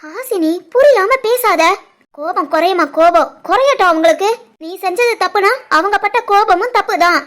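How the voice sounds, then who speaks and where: Cartoon role: a woman as a steady, reassuring young woman, high and firm. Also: normal speed.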